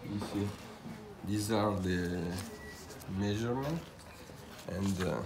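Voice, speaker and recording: Young man, Italian accent, slow and halting tour guide, fillers, handheld camera, echoey room with faint background sound. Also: fairly low pitch, noisy background. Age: young adult. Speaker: tailor giving a workshop tour. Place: indoor tailoring workshop. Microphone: visitor's handheld camera. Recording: roomy workshop, faint ambience.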